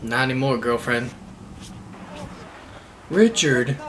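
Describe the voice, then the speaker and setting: A man's voice: mid-range voice, animated, slow, fairly bright tone, a little hiss or hum. A man in his thirties giving casual, sweary reaction commentary in short quips. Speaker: reaction video host. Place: small room at home, indoors.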